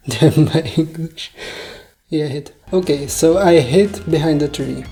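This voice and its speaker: A woman with a low, mellow voice, a native Czech speaker, recounts a dream casually. She sounds puzzled by her own story, questioning herself and joking at her own expense. Faint music plays behind her. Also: slow. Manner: self-deprecating, jokey, puzzled asides and mock-serious boasting. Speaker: video storyteller. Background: soft music.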